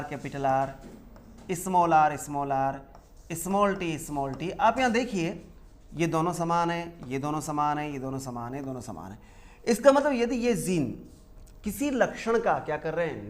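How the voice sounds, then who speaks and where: A male teacher giving a classroom lecture. He asks the class questions and answers them himself, and he repeats key terms slowly. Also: a little high.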